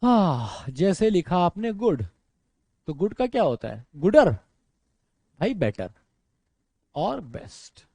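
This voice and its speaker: A lively Indian English-accented male teacher explaining grammar to exam students, his voice leaping high and low as he talks. His tone is mellow and warm rather than sharp. The sound is dry and close, with no room echo. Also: slow pace, long pauses, breathy edge. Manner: animated, addresses students as friends and brother, mixes English into speech. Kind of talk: exam-prep grammar lecture.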